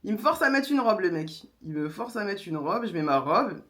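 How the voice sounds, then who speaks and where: A young woman vlogger, telling a story in a casual, animated way and acting out the others. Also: mid-range voice, moderate pace. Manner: animated, slangy, acts out voices of others.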